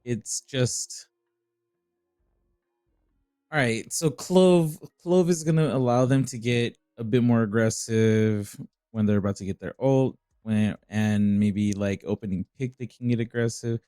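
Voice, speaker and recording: A young man casting a live esports match, relaxed and rambling, thinking aloud with frequent pauses and restarts. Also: mid-range voice, smooth, no echo, studio quality, soft background music. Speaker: esports caster.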